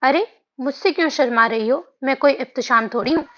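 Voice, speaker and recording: A woman's voice: high-pitched, a little fast, fairly bright tone. A woman voicing a cheerful, affectionate young wife in an audiobook. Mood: teasing. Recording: dull lo-fi audio.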